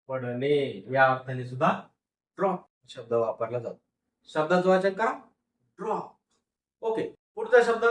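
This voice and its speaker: High-voiced man teaching phonics in an echoey room. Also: distant mic. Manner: slow, repeats each word and asks the class to read it back. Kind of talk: phonics lesson.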